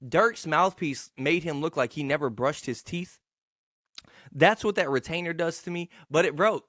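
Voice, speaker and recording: Slangy young man, slightly high voice. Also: moderate pace, fairly bright tone, dry recording, studio quality. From Texarkana, United States. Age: 20s. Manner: profane, slangy, boastful, self-deprecating. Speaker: podcast host. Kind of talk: casual rambling solo podcast monologue.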